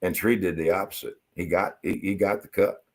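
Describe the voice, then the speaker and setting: Brief: male co-host, casual live-stream chat, swears freely, excitable storyteller. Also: deep voice, brisk.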